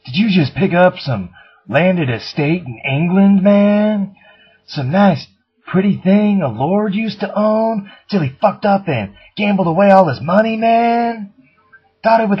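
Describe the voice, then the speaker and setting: A man's voice: high voice, animated, slow, husky, heavily acted. A man voicing a laid-back, rambling stoner homeowner in a comedy ad sketch, drawling and tacking "man" onto every phrase. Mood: rambling, annoyed. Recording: dull lo-fi recording.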